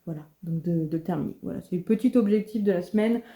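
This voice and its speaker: Chatty woman with a very dark, mellow voice. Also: on the low side, quick pace. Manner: chatty, many fillers and restarts. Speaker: book vlogger. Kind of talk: casual vlog chat.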